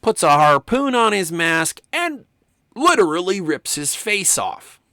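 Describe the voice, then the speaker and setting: A man lecturing on film to students, enthusiastic and emphatic, swinging from quiet remarks to loud excitement. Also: high voice, a little slow, no echo, clean studio sound. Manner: enthusiastic, talks to students directly. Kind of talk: recorded lecture.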